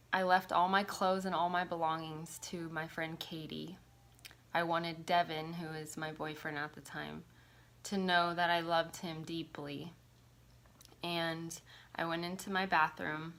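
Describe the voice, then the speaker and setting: Lower-voiced woman telling a personal story. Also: flat delivery, slow pace, a bit bright. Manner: casual, confessional, lots of "like" fillers; swears casually. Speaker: vlogger.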